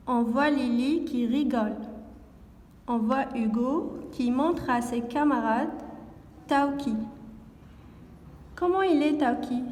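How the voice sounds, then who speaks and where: A woman teaching a phonics lesson to young children, speaking slowly and carefully and repeating each word and sound. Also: high-pitched, darkish tone. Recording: echoey room with long reverb.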